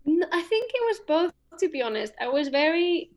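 A woman's voice: very high-pitched, sing-song, moderate pace. A young woman in casual chat, upbeat and reflective, often agreeing with her friend.

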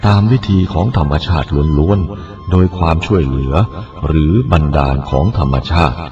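A male Buddhist monk reading a written teaching aloud in a measured, deliberate way. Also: extremely low pitch, darkish tone. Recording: dull lo-fi recording with faint music.

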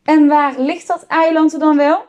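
A woman voicing a stern, angry male schoolteacher who scolds and shouts. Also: sits high, fairly even intonation, measured pace, lo-fi sound, voice pushed up. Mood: scolding.

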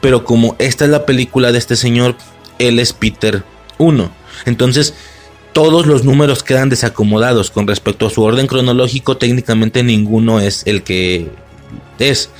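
A man with a Mexican accent recapping a film in an excited, casual way, swearing freely and laughing often. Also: medium pitch, normal speed, soft background music. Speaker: movie reaction vlogger.

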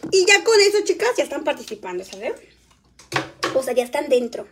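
A woman's voice: sits high, sing-song, fairly quick, noisy background. A woman, chatting casually on a live stream from home, reading viewer comments aloud while she eats. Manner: chatty, reads viewer comments aloud, tends a small child. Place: home, at a meal.

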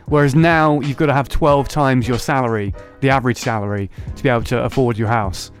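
Faint music plays behind a podcast host whose medium-pitched voice stays fairly even as he talks fairly quickly. On his casual political show, he sneers sarcastically and mimics other people's voices.

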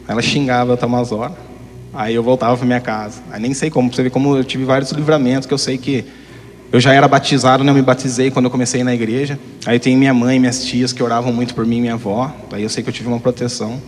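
In a hall with noticeable reverb, a young male guest shares his own testimony openly, wandering a bit and often adding tag questions. He talks fast, with a medium pitch and a level tone.

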